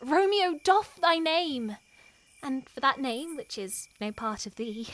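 Woman acting young noblewoman in love, Shakespearean stage acting, wistful, hushed to impassioned, fairly high voice. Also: lively intonation, slow, heavily acted. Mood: longing. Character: young noblewoman, lovestruck and wary.

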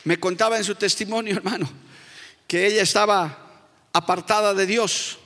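A man's voice: sits high, steady tone, normal speed, bright, forceful tone. A male pastor with a Bolivian Spanish accent preaching a fervent sermon, calling out to the congregation as brother. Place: church hall. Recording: long hall reverb.

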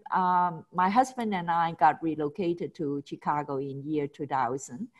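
A middle-aged woman from Hong Kong, a film festival founder, is the guest in a casual interview. Her voice is low-pitched and unhurried, with the highs cut off, and she talks enthusiastically, with many restarts and small laughs.

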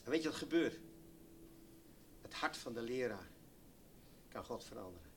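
A man preaching a sermon, swinging from loud exclamations to hushed, near-whispered lines. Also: mid-range voice, expressive, moderate pace, slight background noise.

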